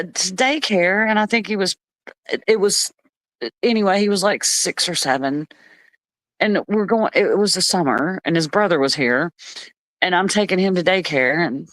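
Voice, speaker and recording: A woman telling family stories in a casual live chat, animated and laughing often. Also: on the low side, no echo. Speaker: live stream co-host.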